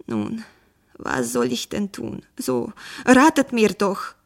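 A woman's voice: mid-range voice, lively intonation, slow, gravelly, full character voice. A woman doing a whining henpecked farmer. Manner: whining, pleading, raised voice.

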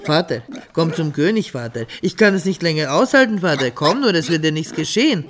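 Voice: mid-range voice, big pitch swings, moderate pace, fairly bright tone, a little hiss or hum. A storyteller voicing a bold talking boar son in a fairy tale reading, eager and insistent.

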